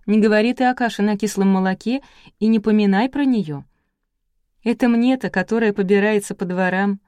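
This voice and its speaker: A woman's voice: medium pitch, a little fast, a little mellow, clear, resonant tone, dry recording, clean studio sound, close to an everyday voice. A woman reading aloud, voicing a spiteful, sly village gossip with a terse, biting manner.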